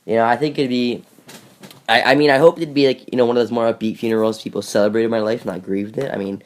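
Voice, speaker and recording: A man's voice: medium pitch, steady tone, fast. A young man co-hosting a casual podcast, talking in an earnest, thoughtful way and filling gaps with "you know". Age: young adult. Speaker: podcast co-host. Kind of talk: casual chat.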